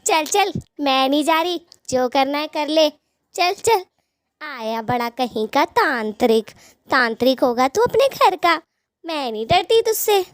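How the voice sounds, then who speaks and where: Woman doing a cartoon witch, high and shrill, swinging wildly in pitch, taunting, dry close sound. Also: lively intonation, unhurried, dry recording. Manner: taunting, insulting, cackling. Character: rude mocking female mango-loving witch ghost.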